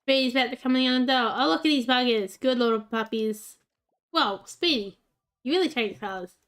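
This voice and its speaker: A woman's voice: fairly high pitch, a little fast, a bit bright. A woman giving casual gameplay commentary and talking fondly to the pets in a game. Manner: chatty, talks fondly to the game's pets. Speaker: gaming channel host.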